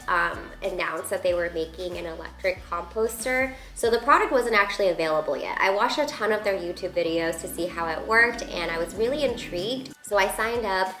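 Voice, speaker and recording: Woman vlogger from Taiwan, casual and chatty, mid-pitched, reverberant room, light music bed. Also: a bit bright. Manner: chatty, frequent "like" fillers. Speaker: product review vlogger. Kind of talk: casual product review. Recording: echoey room with faint music.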